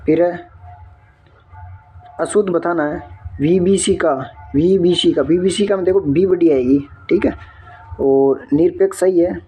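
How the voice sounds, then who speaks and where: A man's voice: sits high, unhurried, long pauses, dark tone, slight background noise. A man working through an exam answer key step by step, often checking in with his viewers. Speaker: exam tutor.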